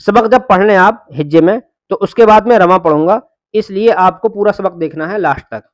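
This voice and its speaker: Male Quran reading teacher, high voice, dry close recording, spells syllables slowly and carefully. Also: dry recording, dull audio. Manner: patient explaining, drawn-out syllable drills.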